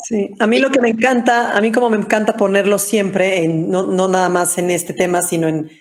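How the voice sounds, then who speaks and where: A woman speaks on a webinar panel in a mid-range voice. She talks thoughtfully. She often pauses and restarts her sentences. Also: mid-range voice, fairly even intonation.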